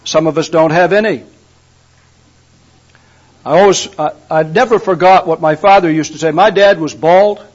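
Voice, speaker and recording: Older male preacher, high-pitched, homespun humor, muffled lo-fi sound. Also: normal speed, long pauses. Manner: folksy storytelling with humor. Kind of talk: sermon. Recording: dull lo-fi recording.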